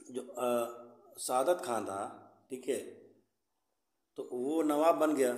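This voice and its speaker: A man's voice: medium pitch, darkish tone, reverberant. A man teaching a school history lesson, explaining step by step, often checking in with "theek hai" and mixing in English words.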